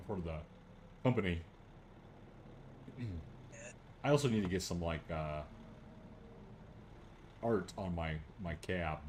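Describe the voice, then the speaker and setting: A man's voice: sits low, a little hiss or hum. A man streaming a game over a headset mic, chatting casually and thinking aloud as he plays. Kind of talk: casual livestream chat while playing. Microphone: livestream headset mic.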